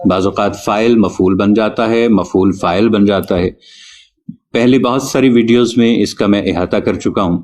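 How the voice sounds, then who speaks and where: A man teaching a spoken lesson on correct pronunciation, explaining carefully and spelling out sounds slowly. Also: lowish voice, darkish tone. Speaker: Urdu teacher.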